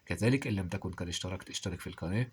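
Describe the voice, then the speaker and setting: A man's voice: low-pitched, very fast, a little mellow, slightly rough. A man teaching grammar to pupils, asking rhetorical questions and answering them himself.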